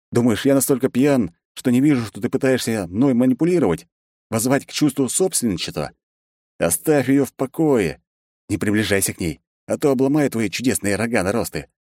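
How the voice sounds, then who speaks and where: A man voicing a gruff, tipsy male lawyer who is quick to anger, grumbling in an audiobook. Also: lowish voice, expressive, a little mellow, no echo, clean studio sound, pitched above the performer's own voice. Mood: threatening.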